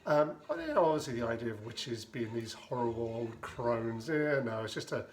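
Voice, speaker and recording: There's slight background noise as a man with a mid-range voice and moderate pace narrates making a cocktail at home. Chatting while he mixes and shakes, this home bartender wanders into tangents and dry jokes.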